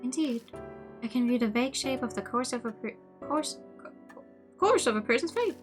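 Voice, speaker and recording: Woman voicing an eerie, high-pitched formal female doll. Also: lively intonation, over music, close to an everyday voice. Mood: calm, cryptic. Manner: archaic, courteous, measured phrasing.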